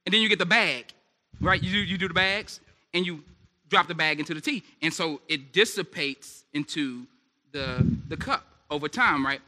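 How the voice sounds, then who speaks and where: A man preaching at a church service in an animated, conversational way, throwing questions out to the congregation. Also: fairly high pitch, moderate pace. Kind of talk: sermon. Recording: echoey hall reverb.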